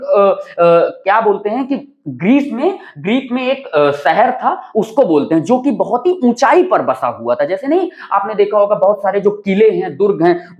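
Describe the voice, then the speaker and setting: A man's voice: high voice, a little mellow. Guy teaching word roots, keeps asking right?, voice goes up and down a lot. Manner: keeps checking with a rising "right?"; mixes in English terms while teaching. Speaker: vocabulary teacher. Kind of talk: explanatory video lesson.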